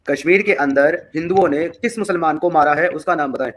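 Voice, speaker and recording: A man's voice: fairly high pitch, a little hiss or hum. A man from India hosting a heated debate, pressing his question again and again. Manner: insistent, keeps repeating his question. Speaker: host.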